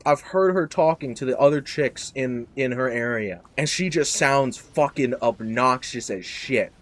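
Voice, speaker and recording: Young male podcast host, rambling, self-deprecating, prone to loud outbursts. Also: medium pitch, a little slow. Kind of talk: casual chat.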